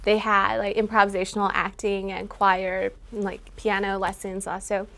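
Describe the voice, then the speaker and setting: A woman's voice: medium pitch, little pitch movement, normal speed, vocal fry, a bit bright. A woman, speaking earnestly and reflectively in a taped interview. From San Francisco, United States. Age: 20s. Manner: earnest and reflective, grows emotional.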